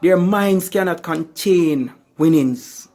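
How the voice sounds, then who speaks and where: A man giving a motivational speech, with emphatic, repetitive rhetorical questions and slow, drawn-out stresses on key phrases. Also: on the high side, a little mellow. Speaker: motivational speaker.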